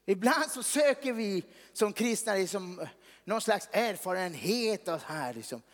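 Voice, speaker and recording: A man's voice: high-pitched, lively intonation. A man preaching a sermon in a chatty way, often tossing questions to the congregation. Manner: conversational, tags lines with questions to the audience. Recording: long hall reverb.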